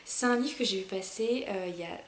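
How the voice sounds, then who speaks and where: French woman, soft low voice, casual hesitant chat, echoey room with faint background hum. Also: a little fast. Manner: chatty, hesitant with frequent fillers and restarts. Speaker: book vlogger. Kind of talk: casual monthly reading-list chat.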